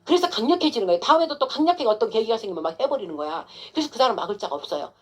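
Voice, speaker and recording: A woman's voice: fairly high pitch, very animated, very fast. A woman pastor giving an informal, emphatic sermon to a congregant, coaxing with frequent rhetorical questions.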